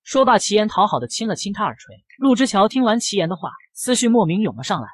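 A man tells a comic story in quick, animated narration, his voice high and slightly breathy. The sound is dry, with the mic close. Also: no echo. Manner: brisk storytelling. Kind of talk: scripted narration.

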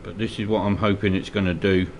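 At his hobby desk, a Scottish man with a slight cold casually talks through a miniature painting tutorial, relaxed but hesitant with many ums and uhs. His voice is deep and fast, with a little hiss or hum.

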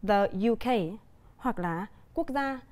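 Vietnamese-accented woman teacher, bright high register, patient televised lesson delivery. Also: animated. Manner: clear, deliberate explaining with examples. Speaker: English teacher.

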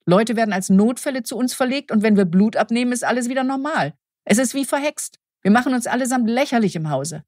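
A woman's voice: a little high, lively intonation, quick pace, a little mellow, dry recording, studio quality, pitched above the performer's own voice. A woman reading the part of a wry, sceptical female intensive-care doctor.

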